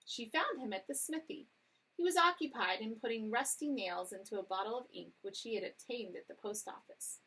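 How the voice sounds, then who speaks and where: Woman teacher, storybook read-aloud, lively pitch, slightly husky, casual asides. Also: a little fast. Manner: casual asides, explaining words.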